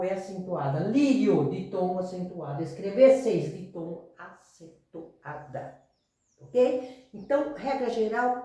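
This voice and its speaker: A woman's voice: fairly low pitch, dark tone. A woman teacher explaining a grammar rule to her class, repeating each point and checking in with short questions. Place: classroom with a whiteboard. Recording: very echoey room.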